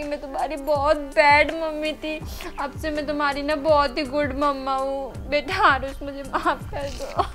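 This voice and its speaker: Home skit: careless young mother who scolds her kids, played by a woman; high-pitched, shrill when yelling. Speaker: actress in a family skit. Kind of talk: home-made family drama acting.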